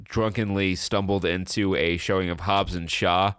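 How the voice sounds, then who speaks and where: A man's voice: low-pitched, steady tone, moderate pace, fairly bright tone, smooth, no room sound. A man hosting a casual movie podcast, laid-back and profane, laughing often. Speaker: podcast host. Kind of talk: casual chat.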